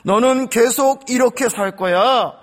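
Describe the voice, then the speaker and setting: A man's voice: very high voice, a little slow. A man voicing a scornful male Satan who taunts and belittles the listener, quoted in a sermon. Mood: taunting.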